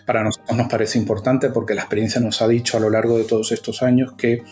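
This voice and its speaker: Guest, male, middle-aged, Venezuelan-Canarian accent, eager talker, mid-pitched, faint music bed. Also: level tone, quick pace, a little mellow. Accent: mixed Venezuelan and Canarian Spanish. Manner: enthusiastic, frequent tag questions. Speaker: guest, agency founder. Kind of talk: casual interview.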